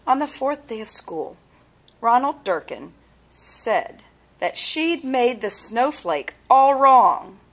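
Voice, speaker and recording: A woman reads a picture book aloud for children. Her voice sits slightly high and she goes slowly, phrasing expressively and pausing for drama. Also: big pitch swings. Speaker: storybook reader. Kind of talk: children's story read-aloud.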